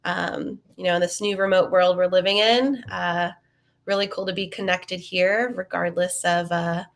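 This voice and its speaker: Still recovering from a cold and a little sniffly, a young woman runs a live webinar in a lowish, gravelly voice. Her intonation stays fairly even and her pace moderate, while her chatty, cheerful delivery is packed with ums and uhs.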